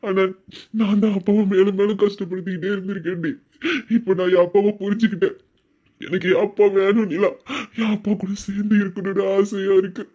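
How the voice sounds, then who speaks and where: A man's voice: high voice, little pitch movement, a little fast, mellow, lo-fi sound. A man voicing a remorseful young man in a Tamil audio drama, confessing with tears. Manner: emotional, confessional, tearful.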